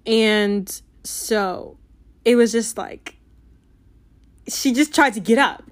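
A woman's voice: a little high, slow. A young woman chatting casually about a book she loved, gushing and giggly, with many filler "like"s. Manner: giggly and animated. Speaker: book reviewer. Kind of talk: casual book review chat.

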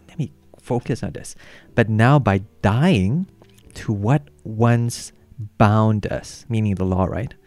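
A man leading a Bible study, thinking aloud through a passage in a musing, halting way, restarting often and laughing softly. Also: lowish voice, no room sound.

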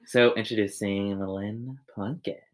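A young woman hosting a casual podcast, crude and teasing, often breaking into loud laughter. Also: a bass voice, steady tone, measured pace. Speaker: podcast host.

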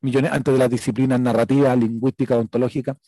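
Chilean preacher, soft dark voice. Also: male voice, mid-range voice, level tone, fast, dry recording, low-quality recording. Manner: chatty, checks in with listeners by asking "right?". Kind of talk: conversational sermon with a personal story.

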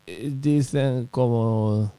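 A man's voice: mid-range voice, drawn-out words, warm tone, clean tone, no room sound. A man whose first language is Japanese, speaking Spanish with a Japanese accent, co-hosting a casual podcast with short questions and replies. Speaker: podcast co-host. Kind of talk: casual bilingual chat.

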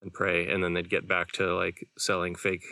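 Bright-voiced young man chatting casually. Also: low-pitched, moderate pace, vocal fry, no echo, clean studio sound, distant mic. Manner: relaxed, rambling with many "like" fillers. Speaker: podcast co-host. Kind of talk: casual chat.

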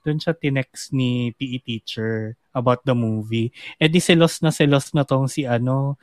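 Filipino man, lively retelling, dry sound. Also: medium pitch, normal speed, no room sound. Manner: animated retelling, acts out quoted lines. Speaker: podcast co-host. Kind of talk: casual chat recapping a series.

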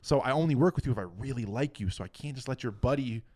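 A young man talks quickly and with energy, piling up details of a story in casual podcast chat. He swears often and speaks at a middle pitch. The sound is close and dry. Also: no echo. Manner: fast, animated storyteller, swears freely. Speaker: guest music producer.

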